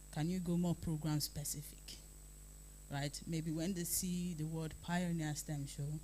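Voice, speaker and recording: A woman who sounds a little under the weather speaks in a slow, measured way. She is putting a question from the floor at a talk, with some faint noise and hum around her. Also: sits low, a little mellow, low-quality recording. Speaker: television show owner, audience questioner.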